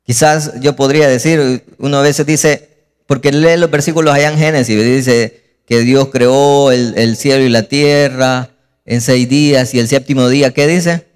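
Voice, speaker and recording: A man preaching a sermon as pastor, lively and acting out scenes. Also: mid-range voice, unhurried, clear, resonant tone, in a large hall.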